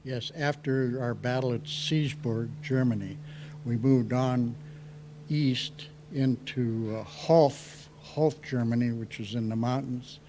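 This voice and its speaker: Slow-talking elderly American veteran, remembering. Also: male voice, medium pitch, dark tone, slight background noise. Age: 80s. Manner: old veteran remembering, halting and reflective. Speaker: World War II veteran being interviewed. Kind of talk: recounting war memories in an interview.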